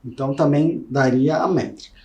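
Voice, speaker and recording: A man's voice: fairly high pitch, fairly even intonation, normal speed, darkish tone, reverberant. A Brazilian man teaching a recorded video lesson, explaining to students and often checking in with them. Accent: Brazilian Portuguese. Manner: explanatory, addresses students directly with frequent "né?".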